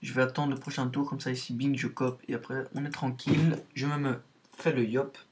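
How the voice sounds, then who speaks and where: A man's voice: medium pitch, flat delivery, a little fast, noisy background. A man giving casual commentary on his own online game match, hesitant and padding his talk with fillers. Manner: hesitant, full of "donc" and "euh" fillers.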